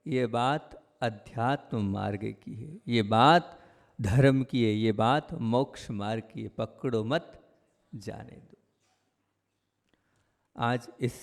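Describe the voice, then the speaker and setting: Man giving a sermon, smooth voice, long hall reverb, keeps repeating lines and asking the crowd stuff. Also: mid-range voice. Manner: rhetorical, repeats phrases and asks the audience questions. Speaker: Jain monk preacher.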